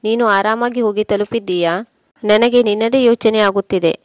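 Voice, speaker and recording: A woman's voice: mid-range voice, normal speed, no room sound, close to an everyday voice. A woman voicing a lonely, aging widowed mother who pleads with her son in tearful appeals. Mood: gentle.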